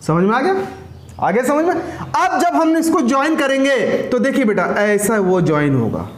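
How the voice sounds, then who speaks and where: High-pitched teacher, echoey room. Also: male voice, very animated, normal speed. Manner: keeps asking and repeating, calls students beta. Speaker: school science teacher. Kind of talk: classroom lecture.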